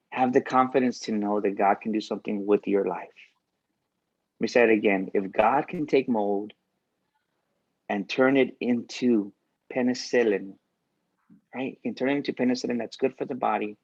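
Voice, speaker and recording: A man's voice: on the low side, steady tone, normal speed, long pauses, muffled recording. A man giving a faith-based motivational speech as a guest speaker, repeating key lines for emphasis.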